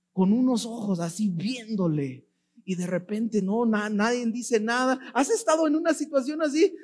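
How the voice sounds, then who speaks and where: A preacher giving an emphatic sermon, breaking into shouted stresses and filling pauses with "o sea". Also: sits high.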